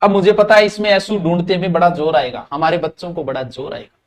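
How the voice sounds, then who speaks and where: A man's voice: sits high, fairly even intonation, fast talker. A man with a Rajasthani accent teaching Hindi grammar in a live online exam-prep class, chatting with students directly and slipping into local dialect.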